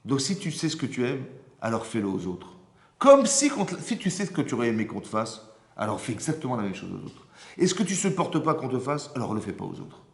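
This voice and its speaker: A man, a rabbi, giving an informal Torah lesson, animated and often checking with his audience through rhetorical questions. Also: mid-range voice, brisk. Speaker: rabbi teaching a class. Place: synagogue hall. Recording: roomy hall echo.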